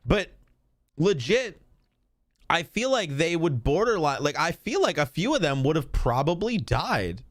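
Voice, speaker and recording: A man's voice: fairly high pitch, big pitch swings, unhurried, dry recording, studio quality. A man reacting on a live stream, chatting casually and rambling, with frequent laughs and swearing.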